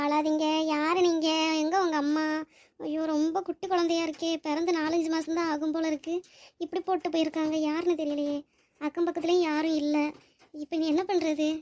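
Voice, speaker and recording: Malar, a very high, flat anxious girlish voice, as a woman voices her. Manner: fretful, pleading, talks to herself. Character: young woman who took in a crying baby, anxious and tender. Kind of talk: cartoon voice acting.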